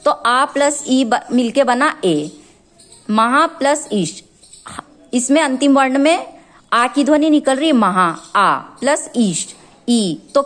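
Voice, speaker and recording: A woman school teacher giving a grammar lesson, explaining step by step and answering her own questions. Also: high voice.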